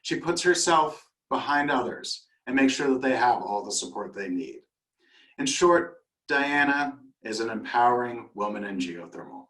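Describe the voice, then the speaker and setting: Mid-pitched man, measured formal award reading, echoey room. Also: animated, a bit bright. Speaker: award presenter. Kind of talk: read award presentation.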